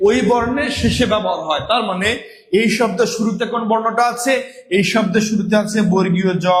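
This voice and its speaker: High-voiced man teaching a live class. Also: a bit bright, reverberant. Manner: repetitive, asks and answers own questions; addresses viewers as brothers and sisters. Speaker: online exam-prep teacher. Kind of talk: live online grammar class.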